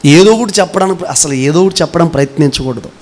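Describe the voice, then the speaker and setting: Earnest and fast, this middle-aged pastor's sermon alternates between forceful outbursts and hushed moments as he puts rhetorical questions to the congregation. His voice is on the high side, with slight background noise behind it.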